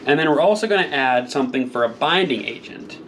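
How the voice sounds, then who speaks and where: Casting: tipsy man hosting a cooking demo, crude deadpan humor, faint background noise. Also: medium pitch, fast. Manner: crude deadpan jokes, rambling asides. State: a little tipsy, slurring slightly. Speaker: cooking show host. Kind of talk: joking cooking demonstration.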